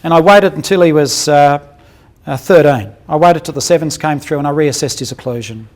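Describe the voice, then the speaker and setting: A man delivers a clinical dental lecture centered on case examples, speaking bluntly and colloquially, joking, and questioning his audience. His voice is on the high side and fairly quick.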